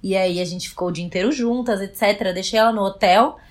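A young woman with a Brazilian Portuguese accent recounts a personal story in casual conversation. She talks in an animated way and swears freely. Her voice sits at an ordinary middle pitch. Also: fast talker. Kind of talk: casual chat.

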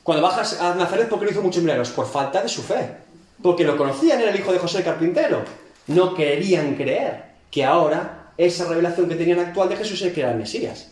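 A man's voice: high-pitched, lively intonation, quick pace, darkish tone, roomy sound. A man teaching a seminary Bible class, acting out scenes and asking the class rhetorical questions. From Galicia, Spain. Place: church classroom.

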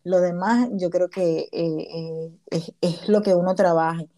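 A woman's voice: on the low side, steady tone, takes it slowly, dark tone. A woman hosting a casual talk about gratitude and faith, speaking earnestly with many restarts.

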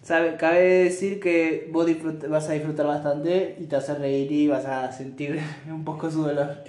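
A man's voice: a little high, little pitch movement, measured pace, a little mellow. A man co-hosting a casual geek podcast, chatty and adding his own comments to his partner's points. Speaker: podcast co-host. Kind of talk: casual chat. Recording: echoey room.

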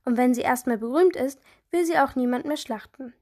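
Lady reading as a keen little boy, high eager voice, storybook style. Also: a little fast, a little mellow. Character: excited young boy with big ideas.

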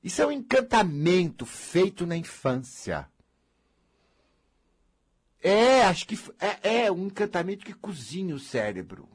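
A man's voice: high-pitched, big pitch swings, a little slow, husky. A man with a Brazilian accent giving a blunt, theatrical, scolding talk as a counselor, now and then mocking whiny voices. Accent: Brazilian Portuguese. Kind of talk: blunt motivational monologue.

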